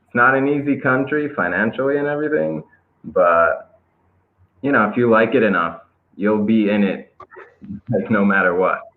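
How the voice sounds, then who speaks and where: This guest skateboarder, a young man from Israel, has a lowish voice, a normal speaking speed and long pauses. His English carries an American-influenced Israeli accent, and he chats loosely and hesitantly with plenty of fillers and restarts over a tinny phone call.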